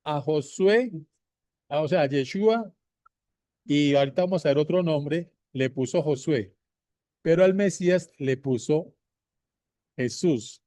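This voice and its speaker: Male Bible teacher, unhurried and repetitive, dark mellow tone, dry close sound. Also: a little high, no room sound. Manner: repeats points slowly, addresses viewers directly. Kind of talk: slow deliberate bible teaching.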